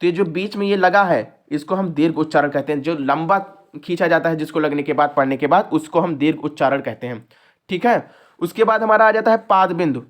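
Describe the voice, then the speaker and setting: Young guy teaching a class, pretty high voice, keeps checking if u got it. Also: fairly quick. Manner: explains step by step, checking in with "ठीक है". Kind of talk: exam-prep lesson.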